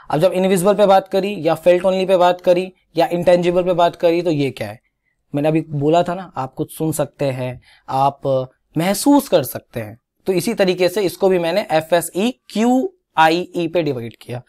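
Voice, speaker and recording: A young Indian man giving an exam-prep English grammar lesson, coaxing students to repeat words after him and correcting their pronunciation. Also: high voice. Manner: animated, coaxing, drills pronunciation with repetition. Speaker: English teacher.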